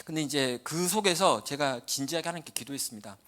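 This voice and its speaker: A man's voice: on the high side, fast. A man in his forties, a guest pastor preaching at a church prayer meeting, telling a personal story with humor and acting out his old prayers. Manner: animated, humorous, acts out his own past prayers.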